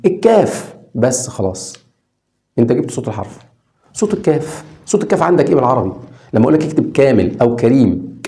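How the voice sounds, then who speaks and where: A man with an Egyptian Arabic accent teaching English to beginners online, asking rhetorical questions and sounding out letters slowly. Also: mid-range voice, very animated, warm tone. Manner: asks rhetorical questions and answers them.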